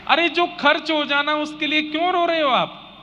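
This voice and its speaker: A man voicing a calm, devout blind boy. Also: extremely high pitch, moderate pace, pitched above the performer's own voice. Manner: calm, gently reproachful. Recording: slightly dull audio with faint noise.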